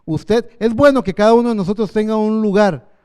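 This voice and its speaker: A man in his fifties preaching a sermon as pastor, earnest, slowing down for emphasis. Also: high voice, dark tone, clear, resonant tone. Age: 50s.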